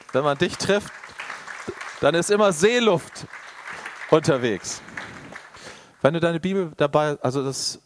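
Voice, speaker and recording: A man preaching a sermon, addressing the congregation directly and swinging between loud emphatic bursts and quiet, intimate asides. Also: mid-range voice. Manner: addresses the listener directly and personally.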